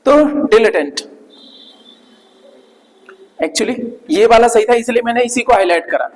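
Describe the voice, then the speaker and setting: A man's voice: very high-pitched, expressive. Hindi-speaking male teacher in a reverberant hall. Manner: repetitive, drills words, checks in with "ठीक है ना"; slow, drawn-out spelling of sounds. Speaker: English vocabulary teacher. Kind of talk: classroom vocabulary lesson.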